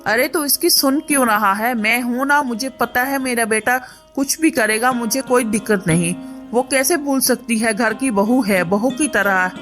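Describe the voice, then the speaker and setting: A woman voicing a kindly, caring but pushy middle-aged mother-in-law in an animated story, talking with warm scolding. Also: a little high, moderate pace, faint music behind, close to an everyday voice.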